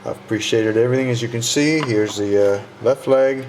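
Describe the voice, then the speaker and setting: A man who builds models, narrating his build progress in a relaxed, unhurried way and pausing often with "uh". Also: mid-range voice, a little hiss or hum. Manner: relaxed, unhurried, pauses with frequent "uh".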